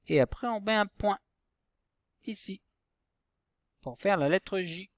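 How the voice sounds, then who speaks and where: A man with a high-pitched voice teaches a recorded phonics lesson to young pupils, with no room sound. He says each example word slowly and patiently.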